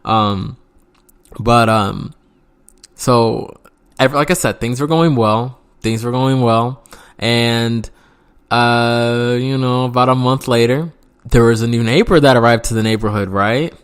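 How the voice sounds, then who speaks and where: A man's voice: medium pitch, slow pace, clear, resonant tone. A young man casually telling a story from his youth, rambling with lots of fillers and frequent swearing. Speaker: vlogger.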